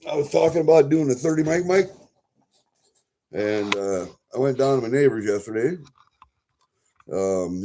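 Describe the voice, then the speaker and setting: A man chatting casually to viewers as a livestream host, folksy and sweary, thinking out loud as he goes. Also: medium pitch, slight background noise. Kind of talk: casual rambling chat to viewers.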